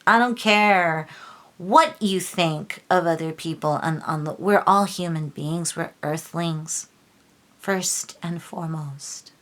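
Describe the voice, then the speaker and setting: A woman's voice: low-pitched, steady tone, slow, a bit bright. A woman giving a casual tarot reading on her channel, earnest and preachy, often restarting her sentences and getting emotional. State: emotional, near tears. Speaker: tarot reader.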